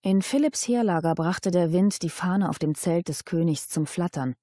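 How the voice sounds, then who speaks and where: A woman narrates a historical audiobook in a calm, measured way, her voice low and warm. The sound is close and completely dry, with no room at all. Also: dry recording. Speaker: audiobook reader. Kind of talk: scripted narration.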